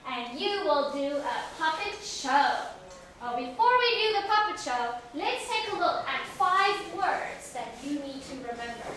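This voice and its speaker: A woman teaches an English lesson to a young class, using simple phrasing, asking easy questions, repeating words and praising answers encouragingly. Her voice sits high and is animated and a bit bright, at a measured pace. The classroom is very echoey, with a distant mic and faint noise.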